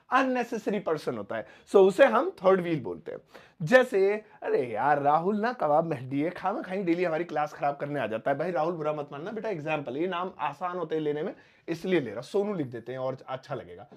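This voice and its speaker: A man from India teaching English phrases in a lively, chatty way, repeating each English phrase slowly word by word. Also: high voice. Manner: chatty asides to students. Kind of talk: Hindi-language English lesson.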